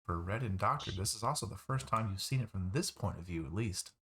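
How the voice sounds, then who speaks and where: A man narrating a tabletop game as game master, describing scenes in a relaxed, drawn-out way. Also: on the low side.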